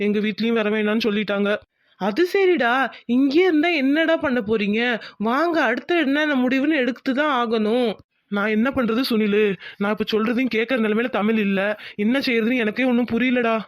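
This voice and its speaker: A man's voice: extremely high pitch, brisk, no room sound, clean studio sound. A man voicing several male characters in a Tamil cartoon story, pleading and emotional.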